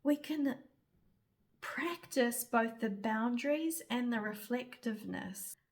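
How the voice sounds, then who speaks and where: A woman speaks in a gentle, soothing way, giving spiritual guidance. Her voice sits a little high. She talks slowly and reflectively. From New Zealand. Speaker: spiritual reader and guide.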